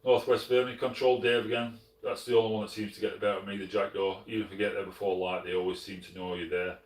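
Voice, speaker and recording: A middle-aged man with a Sheffield Yorkshire accent, casually answering live chat as host, relaxed and full of fillers and restarts. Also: lowish voice, fast, recorded from a distance. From Sheffield, England. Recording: roomy, from off the mic.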